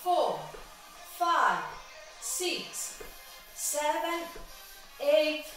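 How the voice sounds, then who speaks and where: A woman's voice: sits high, big pitch swings, drawn-out words, fairly bright tone. A woman instructor leading a guided exercise class, encouraging and counting repetitions aloud. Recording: echoey room, from far off, faint music.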